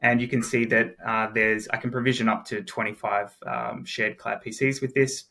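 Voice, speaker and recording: An Australian man with a medium-pitched voice and some vocal fry talks through a software demo at a moderate pace. He's a product expert keeping it casual and chatty, sprinkling in lots of "uh" and "um" and repeating words as he walks through the technical walkthrough.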